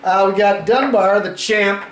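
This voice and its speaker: A man's voice: high voice, fairly even intonation, measured pace, a bit bright. Sarcastic young man in an echoey room. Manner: sarcastic, teasing. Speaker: co-host. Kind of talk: casual fantasy football chat. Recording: echoey room with faint noise.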